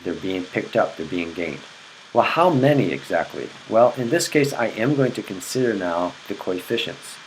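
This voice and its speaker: A man's voice: lowish voice, animated, normal speed, slight background noise, low-quality recording. A man explaining chemistry in a recorded lecture, repeating key points and checking in with "okay?". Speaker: chemistry teacher.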